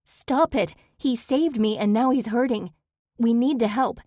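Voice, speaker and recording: A woman's voice: fairly high pitch, lively intonation, moderate pace, mellow, slightly rough, no echo, clean studio sound, pitched above the performer's own voice. A woman voicing a desperate young heroine crying out. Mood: pleading. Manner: urgent, pleading cries.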